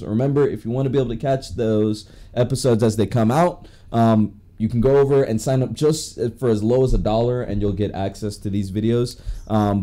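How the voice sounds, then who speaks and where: A man's voice: medium pitch, dark tone. A man hosting a podcast in casual chat, rambling with many restarts and fillers. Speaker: podcast host.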